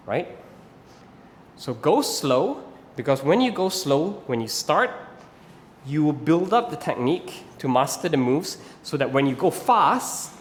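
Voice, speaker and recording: With a long reverb tail and slight background noise behind his mid-range voice, a Malaysian instructor in his thirties walks viewers through rope flow. He speaks Malaysian-accented English, explains patiently, and frequently checks understanding with "right?" in this instructional video.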